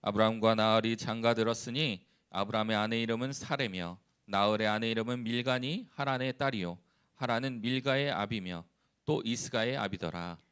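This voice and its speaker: Male evangelist, low clear voice, calm unhurried reading and preaching, some hesitation. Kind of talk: responsive scripture reading and sermon.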